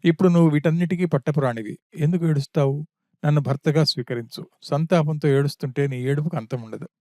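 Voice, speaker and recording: A man voicing an arrogant demon king who boasts and coaxes a captive, read in an even storytelling tone. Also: on the high side, fast, dry recording, clean studio sound, lightly acted. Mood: boastful.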